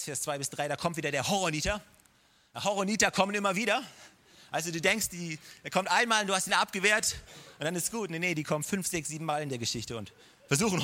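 A man's voice: high-pitched, pushed and bright. A man preaching a sermon, speaking straight to the listener with encouragement and humorous asides. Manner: direct, encouraging address to the listener. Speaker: pastor.

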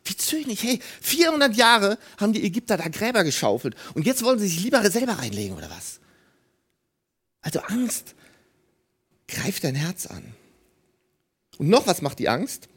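Preacher, sermon, husky voice, animated pitch, emphatic, repeats phrases, addresses congregation. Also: normal speed, pauses often. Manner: emphatic, repeats key phrases, "hey" interjections; talks directly to the congregation.

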